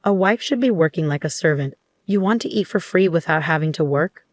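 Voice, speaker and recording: A woman's voice: deep voice, expressive, a little fast, dry recording, studio quality. A woman voicing a domineering older mother-in-law who scolds and commands harshly. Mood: scolding.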